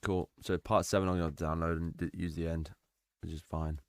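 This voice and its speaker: A man's voice: sits low, level tone, a little fast, no room sound. A young man chatting casually with his live-stream viewers, easygoing and talkative, calling out names from chat. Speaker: livestreamer.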